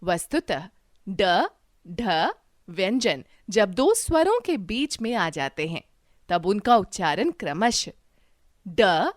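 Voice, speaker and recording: Female teacher voice-over, very slow, lively pitch, close dry mic, reads letters one by one. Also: no echo. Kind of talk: scripted lesson narration.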